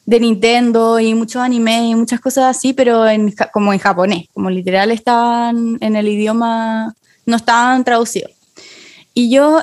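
A young Chilean woman with a high voice tells a story among friends, quick and giggly. The sound is dry and close. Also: dry recording. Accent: Chilean Spanish. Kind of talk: casual chat among friends.

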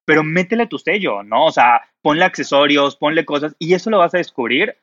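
Guy on a podcast, bright voice, dry dull sound, talks style and says o sea a lot. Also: fairly high pitch, brisk, dry recording. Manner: expressive, uses many fillers like "o sea". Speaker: image consultant. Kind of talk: casual podcast chat.

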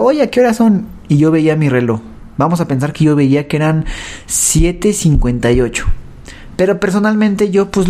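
A man with a Mexican accent tells his faith testimony in a warm, dark-toned voice. He speaks haltingly, restarting phrases and tagging his sentences with a quick question. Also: on the high side. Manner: halting, often adds "¿verdad?" and repeats words.

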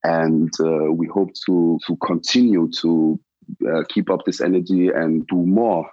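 Low-voiced Ghanaian-born man, slangy and relaxed. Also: unhurried, no room sound, highs cut off. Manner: relaxed, slangy, many "like" and "yo" fillers. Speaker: protest organizer. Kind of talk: casual interview answers.

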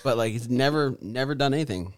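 A man's voice: mid-range voice, quick pace, dry recording, studio quality. A man co-hosting a podcast, crude and joking, often giving short agreeing replies in casual chat. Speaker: podcast co-host.

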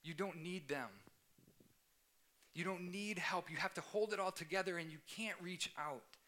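A man's voice: high voice, normal speed, bright, forceful tone. A man voicing a tempting inner voice of lies, taunting in short cutting phrases.

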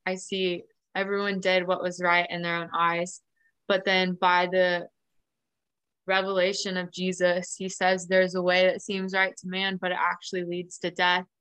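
A woman's voice: fairly low pitch, monotone, measured pace, a bit bright, clear, resonant tone. A woman hosting a faith podcast, talking in an earnest, affirming way and laughing easily. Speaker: podcast host. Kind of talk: casual faith conversation.

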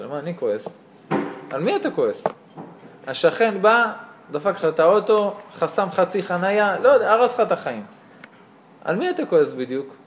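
High, lively male Torah teacher. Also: slight background noise. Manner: lively, asks rhetorical questions, tells stories. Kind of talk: animated religious lesson.

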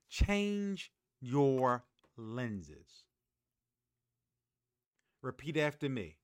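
A man's voice: fairly low pitch, fairly bright tone, breathy edge, no echo, studio quality. A man hosting a motivational podcast, preaching emphatically and calling on listeners to repeat after him. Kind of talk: motivational monologue.

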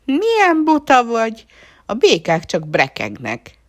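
A woman's voice: fairly high pitch, huge pitch swings, no room sound, clean studio sound, pitched above the performer's own voice. A woman voicing a mocking frog in a children's story, scornful and teasing. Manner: scornful, laughing. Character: mocking frog on a lily pad.

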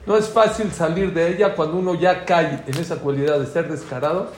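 Mexican guy teaching a torah class, kinda high voice, echoey room w/ a bit of noise. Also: brisk. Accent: Mexican Spanish. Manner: lively storyteller, acts out dialogue. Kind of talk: informal religious class talk with anecdotes.

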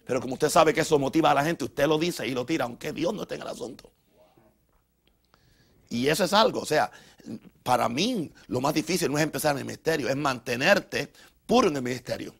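Stammering Spanish-speaking pastor teaching. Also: male voice, on the high side, lively intonation, brisk, gravelly, slightly rough. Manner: conversational, with frequent stammered repeats and fillers. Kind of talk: teaching sermon.

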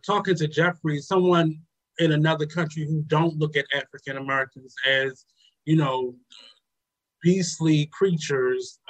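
Male talk host, slightly higher voice, halting and filler-heavy delivery. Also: poor audio. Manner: hesitant, many ums and uhs. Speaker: radio show host. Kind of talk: casual reflective talk.

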